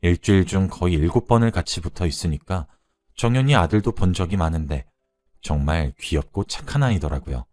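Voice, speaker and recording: Low-voiced man calmly telling his story. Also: fairly quick, dry recording. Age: 30s. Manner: calm, reflective, confessional. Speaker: narrator. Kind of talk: first-person storytelling narration. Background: faint background music.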